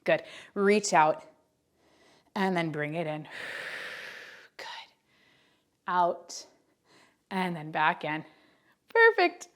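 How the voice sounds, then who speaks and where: A woman's voice: on the low side, steady tone, very slow, long pauses. A woman in her twenties teaching a home Pilates class, counting down reps with chatty, encouraging asides and a little out of breath. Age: 20s. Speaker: Pilates instructor. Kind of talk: workout class instruction. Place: indoors at home. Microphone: wearing a mic.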